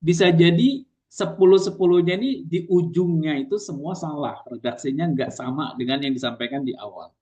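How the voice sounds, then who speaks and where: A man's voice: on the high side, moderate pace, a little mellow. Man lecturing casually, muffled audio. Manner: explains with many fillers and tag questions.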